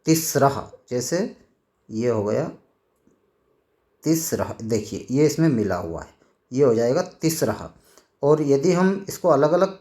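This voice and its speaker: A man teaching a Sanskrit grammar lesson, slowly reading out words and repeating them, with frequent checks that students follow. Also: a little high, a little mellow.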